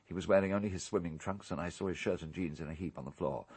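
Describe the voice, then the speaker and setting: A male actor voices a calculating, urbane English island owner for radio drama, his low voice darkish in tone and slightly rough. He recounts events gravely, measured and precise, without a hint of repentance.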